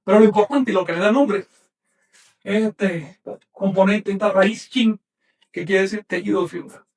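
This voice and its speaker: A man teaching an online class, slowly sounding out words syllable by syllable and correcting common mistakes firmly. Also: sits high, darkish tone, distant mic. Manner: slow, emphatic spelling out of syllables; corrective, insistent.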